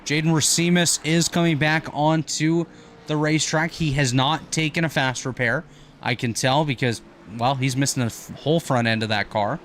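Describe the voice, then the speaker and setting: A man calling an online racing broadcast as play-by-play commentator, talking quickly and correcting himself on the fly. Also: on the high side, a little hiss or hum. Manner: rapid, energetic play-by-play with quick self-corrections.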